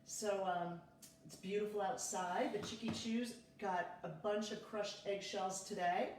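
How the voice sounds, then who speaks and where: A woman's voice: medium pitch, fairly even intonation, unhurried, darkish tone, recorded from a distance, slight background noise. A woman in her thirties, a realtor chatting casually on a livestream from her kitchen and greeting viewers by name. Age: 30s. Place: home kitchen. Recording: echoey room, from off-mic.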